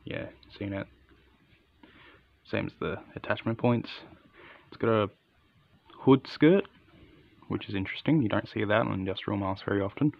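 Male product reviewer, low gravelly voice, understated and casual, slightly dull camera audio. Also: normal speed, pauses often. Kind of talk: casual, unscripted hands-on review.

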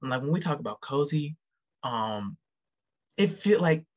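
A man hosting a casual podcast chat about music, excitable and quick to act out quotes with big jumps in his voice. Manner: fast, excitable, acts out quotes with sharp jumps in pitch. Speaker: podcast host.

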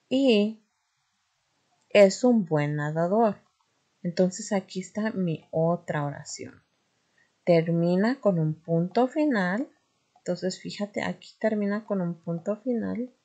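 A woman teaching a grammar lesson, patient and careful, often pausing with fillers and correcting herself. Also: lowish voice, dark tone. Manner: patient, self-correcting, frequent "este" fillers.

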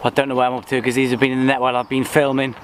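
A man's voice: medium pitch, monotone, rapid-fire. A man giving casual vlog commentary outdoors on his own fishing catches. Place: outdoors on a lakeside bank. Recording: noisy outdoor camera recording.

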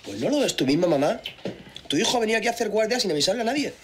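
A man's voice: sits high, sing-song, racing, a little hiss or hum. An actor in his twenties from a naturalistic TV drama, playing a defensive, earnest younger son with a Spanish accent from Spain. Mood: indignant, defiant. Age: 20s.

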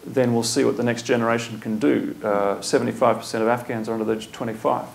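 A former diplomat with a gravelly, mid-range voice speaks quickly and fairly flatly as a guest on a panel in a lecture room with a seated audience. He is blunt and opinionated, delivering short, punchy statements.

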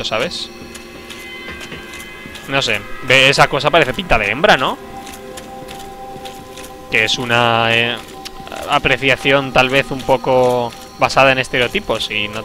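A young man, casually commenting on a game he is playing, joking and bursting out. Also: medium pitch. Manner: chatty, joking, talking to himself, sudden outbursts. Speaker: streamer. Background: game music.

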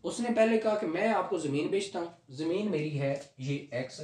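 A man with a Pakistani accent gives a law lecture in a small indoor room at a whiteboard, explaining step by step, repeating key points and mixing in English legal terms. His voice sits on the high side and is animated and a little mellow, at a moderate pace. It's a classroom lecture with questions and explanations, picked up by a camera a few steps away in a roomy, echoing space.

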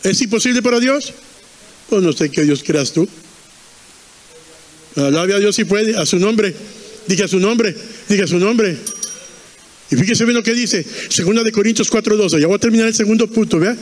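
A man's voice: high-pitched, normal speed, pauses often, long reverb tail. A man preaching a fervent sermon in a church, repeating lines and quizzing the congregation.

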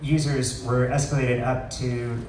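A man presenting a live software demo at an indoor meetup, explaining informally with frequent pauses, picked up by a distant camera. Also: mid-range voice, little pitch movement. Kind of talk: live product demo talk. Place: large wood-ceilinged meetup room, indoors. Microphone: far camera recording the room. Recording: roomy, distant pickup with faint noise.

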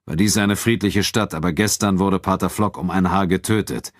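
A man voicing a calm, cold-voiced town official. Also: sits low, dry recording, studio quality. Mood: calm firm. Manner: calm, measured, quietly firm.

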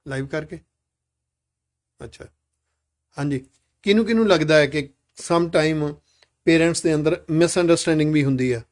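A man's voice: on the high side, moderate pace, pauses often. Male teacher questioning a class. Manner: asks many questions, urges children to speak up. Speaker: teacher leading a class discussion. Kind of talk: live classroom Q&A with children.

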